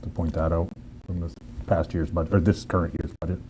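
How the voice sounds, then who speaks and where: A city councilman adds a quick, matter-of-fact point at a candidate forum. His voice is very deep and he talks fast. Noticeable room noise runs underneath. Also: level tone.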